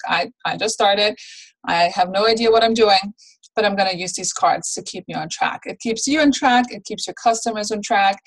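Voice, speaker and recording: Poor audio carries the mid-range voice of a woman training new consultants over a video call while sharing her screen. She's friendly and instructive throughout, with lots of "um"s.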